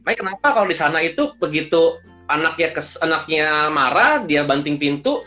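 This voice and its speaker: A coach, telling stories in an animated way in casual chat and slipping in English phrases. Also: medium pitch, fairly quick, faint music behind. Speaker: emotional intelligence coach.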